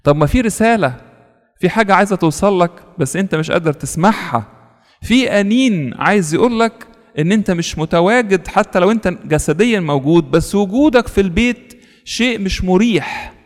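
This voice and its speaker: Egyptian priest, rapid sermon delivery, somewhat high voice, long hall reverb. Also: male voice. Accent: Egyptian Arabic. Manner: storytelling, earnest, repeats words for stress. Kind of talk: sermon with a story.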